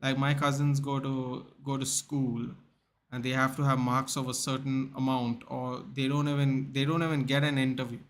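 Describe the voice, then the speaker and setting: Speaking at a normal speed in a medium-pitched voice with little pitch movement, this livestream host is a young man from Goa with an Indian English accent. He reads viewer comments aloud and addresses viewers by name in casual chat full of restarts, "dude," and "man." A little hiss or hum can be heard.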